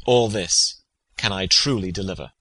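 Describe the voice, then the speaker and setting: Man playing a solemn, low-voiced loyal nobleman. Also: fairly bright tone, dry recording. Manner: solemn, measured declamation. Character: loyal, grieving noble friend of a prince. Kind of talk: Shakespearean tragedy audio acting.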